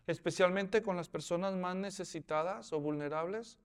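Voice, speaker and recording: Animated preacher, high clear voice. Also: male voice, normal speed. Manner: animated, acts out scenes with voices and asks the listeners questions. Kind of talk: expository sermon.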